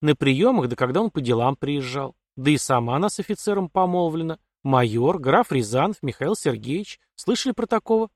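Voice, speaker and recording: A man's voice: medium pitch, expressive, dry recording, clean studio sound. A man doing a headstrong young noblewoman. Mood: sly. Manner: stubborn, quick-witted retorts.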